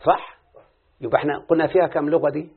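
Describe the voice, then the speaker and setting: Egyptian male tutor, fairly high voice, questioning and repeating answers, lo-fi phone-quality recording. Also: steady tone, quick pace, vocal fry, husky. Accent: Egyptian Arabic. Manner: quizzing, coaxing, repeats answers back. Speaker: teacher of Arabic morphology. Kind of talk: classroom lesson with questions to a student. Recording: phone-like lo-fi audio.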